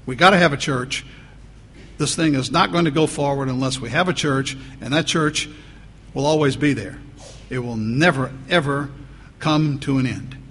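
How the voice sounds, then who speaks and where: In a church with long reverb and faint background noise, a pastor delivers a conversational sermon, repeating phrases to drive points home. His mid-range voice has a fairly bright tone and a moderate pace.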